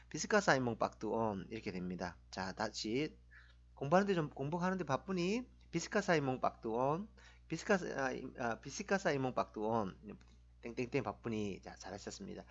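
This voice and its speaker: A middle-aged man teaches a language lesson with a lively, bouncing pitch. He drills short phrases and has listeners repeat them. His tone stays encouraging throughout.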